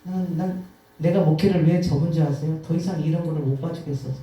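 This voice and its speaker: Dark-voiced woman preaching in echoing church. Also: low voice, fairly quick, muffled recording. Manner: animated storytelling, acting out quotes, sighing. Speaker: guest preacher. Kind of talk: emotional testimony sermon. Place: church sanctuary. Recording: echoey hall from far off.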